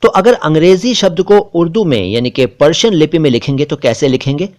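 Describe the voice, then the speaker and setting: A man with a slightly raised voice teaches Urdu letters as a patient lesson. He drags out each short word slowly and deliberately, and he insists firmly on correct pronunciation. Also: on the high side, animated, a little mellow. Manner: slow, deliberate spelling-out of letters and words; stresses correct pronunciation, a bit critical of others. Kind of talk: spoken script lesson.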